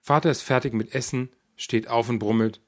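A man's voice: mid-range voice, steady tone, normal speed. A man narrating a first-person story in a wry, dryly exasperated manner. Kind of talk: first-person audiobook reading.

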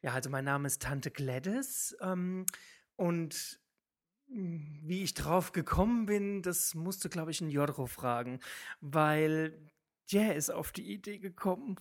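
A man's voice: fairly high pitch, slow. A man of twenty-nine, a drag artist, answering interview questions in a giggly, hesitant way.

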